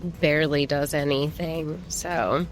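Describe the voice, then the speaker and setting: A woman with a slightly low voice talks at a slow, unhurried pace, as in a casual shopping haul vlog. She rambles informally to her viewers, remarking on things as she browses. Music plays softly behind her. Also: steady tone. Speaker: plant shopping vlogger. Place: plant shop.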